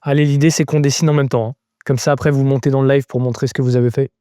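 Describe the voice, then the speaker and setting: A man leads a live drawing lesson, thinking aloud as he sketches and breaking off to answer viewers in a casual way. His voice is mellow and relaxed, recorded dry with no room sound. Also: mid-range voice, very fast, no echo. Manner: thinks aloud while drawing, explaining step by step. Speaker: drawing teacher.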